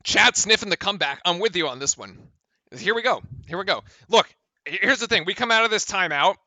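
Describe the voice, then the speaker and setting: Excitable bright-voiced man calling a game. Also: high-pitched, a little fast, dry recording. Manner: excitable, shouts on big plays, chatty with chat. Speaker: fan play-by-play streamer. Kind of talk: live fan commentary.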